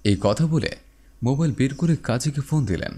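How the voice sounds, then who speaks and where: A man's voice: animated, normal speed, mellow, breathy edge. A man narrating a dramatized story and giving each character a voice of its own. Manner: voices every character with shifts in pitch.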